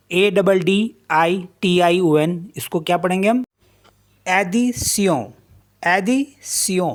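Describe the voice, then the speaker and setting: A language teacher talks slowly and carefully, spelling each word out letter by letter before repeating how it sounds. The voice sits at a middle pitch and keeps an unhurried, deliberate pace. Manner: spells words letter by letter, then repeats the reading; slow, deliberate explanation. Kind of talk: online language lesson.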